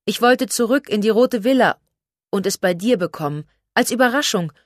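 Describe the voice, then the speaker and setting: A woman's voice: mid-range voice, moderate pace, dry recording, studio quality, voice pushed up, natural voice. A woman reading aloud, voicing a joyful young pregnant woman who comes home eagerly and pleads with her mother. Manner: bright, excited and pleading.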